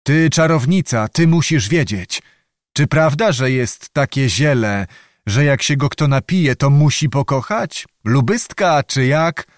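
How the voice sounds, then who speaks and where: A man's voice: mid-range voice, animated, measured pace, no room sound, clean studio sound, close to an everyday voice. A man voicing a tormented Cossack warrior. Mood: questioning. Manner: tormented, raging outbursts. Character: brooding young male Cossack chieftain, passionate and violent. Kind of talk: audiobook character voice.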